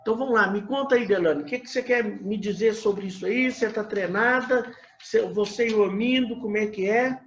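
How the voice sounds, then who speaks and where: A Brazilian man from Minas Gerais leads a church couples class with a fairly high voice. He talks loosely, dropping in tags and restarting sentences. The sound is roomy and muffled, with faint background noise. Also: brisk, a bit bright. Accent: Brazilian Portuguese, Minas Gerais. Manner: conversational, with many filler tags and restarts. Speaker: pastor.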